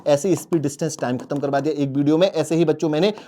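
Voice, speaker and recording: A male teacher coaches students through an exam strategy lesson, speaking emphatically, repeating key phrases, and asking questions he then answers himself. His voice is a little high and dark in tone, steady, and quick.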